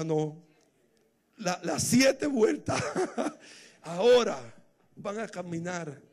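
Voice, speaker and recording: A man preaching a sermon, retelling a scripture story and rising to emotional shouted exclamations. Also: high-pitched.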